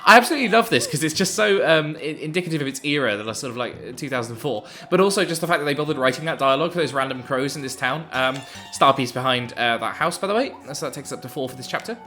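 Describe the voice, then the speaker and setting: Dude commentating his game run, chatty and amused, lots of ums, bright voice. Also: a little high, lively intonation, fast talker, hardly any pauses, soft background music. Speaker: let's play commentator.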